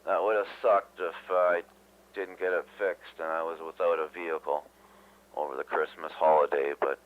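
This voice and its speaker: A man's voice: sits low, little pitch movement, normal speed. A man checking in to an amateur radio net, talking in an easygoing, hesitant way. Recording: tinny radio transmission.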